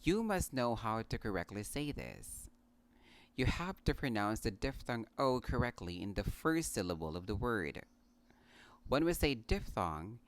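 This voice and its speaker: A man with a Filipino accent teaching English pronunciation, repeating each word deliberately and slipping in Tagalog phrases. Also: lowish voice. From Philippines. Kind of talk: pronunciation lesson.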